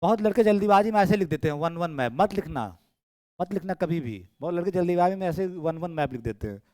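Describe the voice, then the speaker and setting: एक पुरुष गणित शिक्षक कक्षा में पढ़ा रहे हैं, बातें दोहराते हुए और छात्रों की कॉपियाँ जाँचते हुए।. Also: male voice, high voice, animated, brisk, a little mellow, dry recording. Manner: chatty, repeats phrases, checks students' work aloud. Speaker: maths teacher. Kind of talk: classroom lecture. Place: classroom. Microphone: camera in room.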